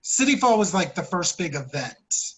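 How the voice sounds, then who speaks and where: Bright, high-voiced man on a podcast. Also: big pitch swings, slightly rough, poor audio. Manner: halting, filler-heavy explaining. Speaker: podcast co-host. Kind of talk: casual chat.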